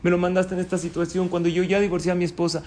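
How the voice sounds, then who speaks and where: A man voicing a desperate husband, pleading in a strained, raised and higher voice. He sounds on the edge of tears in a spoken moral story. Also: monotone, rapid-fire, a little mellow, close to an everyday voice.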